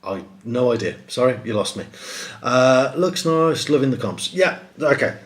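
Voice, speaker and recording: A man's voice: mid-range voice, expressive, normal speed. A middle-aged man, chatting casually on a live stream and answering comments, with lots of fillers and restarts. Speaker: host of a live stream for a prize-draw site.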